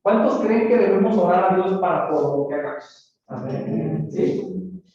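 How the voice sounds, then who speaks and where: Guy teaching a church speaking class, high voice, super echoey room, mic far away, kinda muffled. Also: measured pace, a little mellow. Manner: addresses the class as brothers, asks "¿verdad?" often. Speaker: teacher of an oral communication workshop. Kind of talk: classroom lesson with church preaching tone. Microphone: camera far from the speaker. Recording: distant, very echoey, dull camera audio with faint noise.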